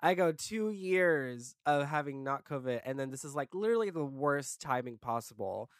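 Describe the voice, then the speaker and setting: A young man who's congested from being sick co-hosts a podcast, rambling through casual chat with plenty of "like" and "um." His mid-range voice is expressive at a moderate pace. The recording is clean studio audio with no room sound.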